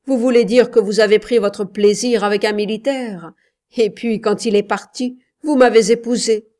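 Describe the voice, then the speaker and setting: A woman's voice: medium pitch, unhurried, darkish tone, close to an everyday voice. Woman voicing a sarcastic jealous husband. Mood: bitter. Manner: cutting, sarcastic questioning.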